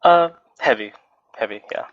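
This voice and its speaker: A man's voice: medium pitch, normal speed, no echo. A man in his twenties, a podcast guest, chatting casually and rambling with plenty of fillers. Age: 20s. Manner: relaxed, rambling, frequent fillers. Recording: dry, dull lo-fi voice chat audio.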